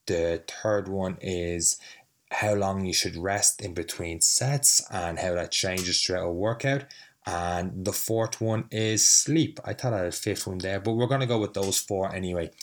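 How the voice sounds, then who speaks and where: A man's voice: deep voice, a little slow. A man who is a fitness coach hosting his own podcast, talking casually with a cold, rambling and self-deprecating, with the mic a little further away. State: has a cold, sniffly. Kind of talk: casual solo podcast talk. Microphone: mic set a little further away than usual.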